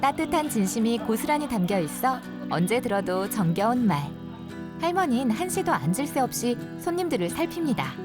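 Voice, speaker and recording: A woman's voice: on the high side, big pitch swings, fairly quick. A woman reading scripted television documentary narration as a voice-over. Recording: studio voice-over under loud music.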